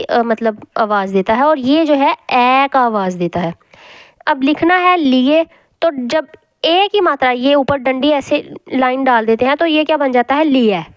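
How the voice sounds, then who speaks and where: A woman teaching a Hindi grammar lesson, speaking slowly and repeating each word as she drills spellings aloud. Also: high-pitched, no room sound, lo-fi sound. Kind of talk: classroom lesson explaining spelling.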